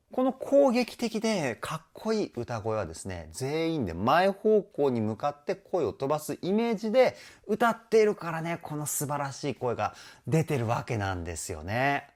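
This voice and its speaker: A man's voice: medium pitch, sing-song, moderate pace, hardly any pauses, a little mellow. A man working as a vocal trainer, reacting to a music video and breaking down the singing in an enthusiastic, chatty way. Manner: enthusiastic, chatty, often adds ね; sings short snippets to demonstrate.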